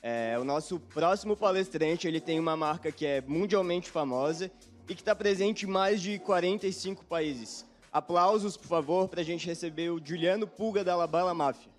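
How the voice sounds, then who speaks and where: Higher-pitched Brazilian male event host. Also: moderate pace, soft background music. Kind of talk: informal speaker introduction.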